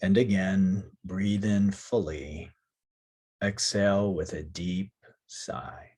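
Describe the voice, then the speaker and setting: A deep, slightly rough-voiced man leads yoga nidra meditation as its teacher. His instructions are gentle and calm, delivered in short bursts followed by lengthy pauses.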